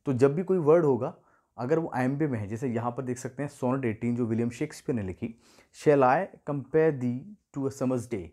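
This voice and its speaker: A man teaching literature in a video lesson, patiently explaining and repeating key terms with slow emphasis. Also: mid-range voice, mellow.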